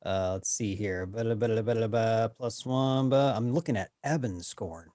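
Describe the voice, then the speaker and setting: A man plays a tabletop game, talking casually through his turns. His voice sits at an average pitch and is recorded very dry, with no echo. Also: normal speed, warm tone.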